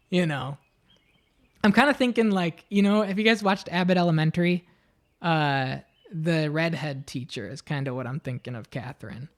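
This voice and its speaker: A woman streamer reading a story aloud and chatting casually between passages. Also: on the low side. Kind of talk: casual chat and storybook narration.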